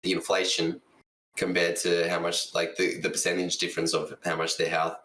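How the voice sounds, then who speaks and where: Laid-back congested guy, very deep voice, sounding echoey and distant through a camera mic; faint room ambience. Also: monotone, normal speed, a bit bright, a little hiss or hum. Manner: laid-back, agreeable, repeats 'a hundred percent'. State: congested, tickly throat. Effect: echoey room sound, heard through camera mic far from him. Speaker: podcast guest, full-time content creator. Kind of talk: casual chat.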